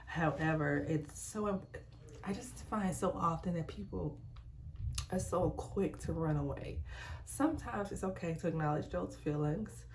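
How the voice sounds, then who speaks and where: Young woman w low voice doing a candid bathroom vlog, kinda hushed n halting, bit of background noise. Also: rough recording. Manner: hushed, so as not to be overheard. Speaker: lifestyle vlogger. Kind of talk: candid confessional chat while doing skincare. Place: home bathroom.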